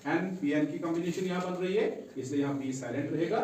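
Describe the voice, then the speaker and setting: A man's voice: on the high side, fast talker, a little mellow. Man teaching a class in an echoey room. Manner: call-and-response questioning, repeats each point. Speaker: English teacher. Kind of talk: classroom lesson. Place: classroom with students. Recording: very echoey room, mic far off, faint noise.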